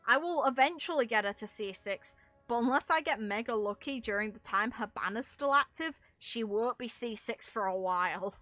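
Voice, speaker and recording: The recording is dry, with faint music behind, as a young adult woman chats informally with her stream's viewers. Her voice sits on the high side, pushed and bright, at a moderate pace, and her talk rambles with some light swearing.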